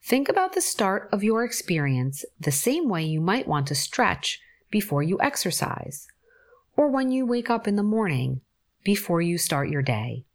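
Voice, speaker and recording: A forest bathing guide leads a guided meditation, unhurried and soothing, with long pauses between phrases. Her slightly low voice moves in a lively, melodic line, and every instruction is gentle and calm.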